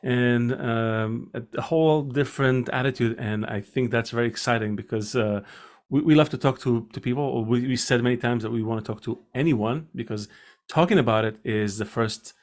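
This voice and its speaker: A man hosting an interview show who speaks hesitantly and often pauses between phrases. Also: medium pitch. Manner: hesitant, full of fillers and restarts. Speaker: podcast host.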